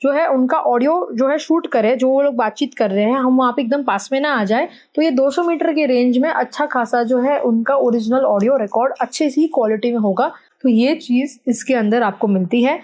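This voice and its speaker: A woman's voice: high voice, a little fast, a little mellow. A young woman chatting casually as she reviews a microphone, explaining things step by step and mixing English phrases into her talk, recorded on a lapel mic indoors. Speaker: content creator reviewing a microphone. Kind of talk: casual product review vlog. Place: indoor room with fan and AC running. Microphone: wireless lapel mic.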